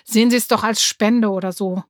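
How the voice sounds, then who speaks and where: A woman's voice: medium pitch, steady tone, brisk, dry recording, studio quality, close to an everyday voice. A woman voicing a persuasive schoolgirl pleading for a favour in a storybook. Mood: coaxing. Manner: coaxing.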